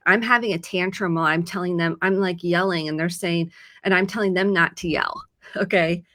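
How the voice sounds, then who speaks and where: A woman's voice: on the low side, fairly even intonation, a little fast, fairly bright tone. A middle-aged woman therapist earnestly explaining ideas with everyday examples. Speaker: licensed therapist. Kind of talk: conversational advice segment.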